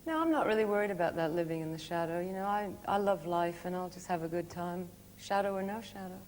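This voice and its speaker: A woman, a guest on a TV talk show, giving relaxed, brief answers. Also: lowish voice, quick pace. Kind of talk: casual chat. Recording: TV studio audio with long reverb and faint hiss.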